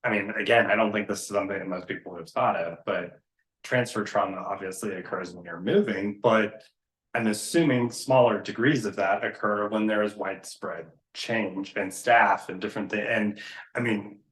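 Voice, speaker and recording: Male host, lowish voice, halting questions, repeats himself, echoey room. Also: a bit bright. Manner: halting, repeats words when starting a question. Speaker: podcast host. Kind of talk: casual interview questions.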